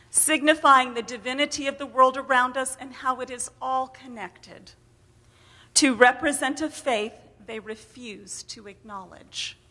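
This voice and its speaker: In a reverberant hall, an American woman performs a first-person story at a storytelling event. Her voice sits a little high, bright and forceful, and her reading is emphatic and theatrical.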